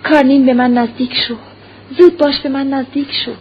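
Brief: dying young noblewoman, feverish and pleading, read by a woman, raised pitch, dull recording with light hiss. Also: fairly even intonation, natural voice. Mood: frightened. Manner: urgent, breathless pleading. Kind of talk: audiobook character reading. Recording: muffled lo-fi recording, faint hiss.

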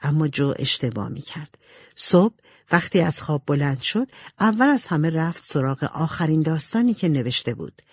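A woman reads a storybook aloud with animated expression. Her voice is lowish and a little husky, and her pitch moves widely. The recording is dry and close. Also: no echo. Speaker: narrator. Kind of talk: storybook reading.

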